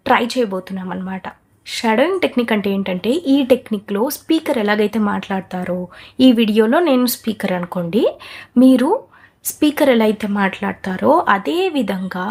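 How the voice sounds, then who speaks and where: A woman with a Telugu accent teaching an English lesson, explaining quickly, then saying model sentences slowly and with care for learners to repeat. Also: medium pitch. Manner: quick chatty explanations mixing in English words; slow, carefully stressed model sentences for repeating. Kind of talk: language lesson, shadowing drill.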